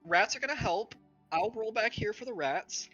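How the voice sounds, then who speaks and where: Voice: medium pitch, expressive, normal speed, fairly bright tone, muffled recording, faint music behind. A game master narrating a tabletop game in a loose, filler-heavy way.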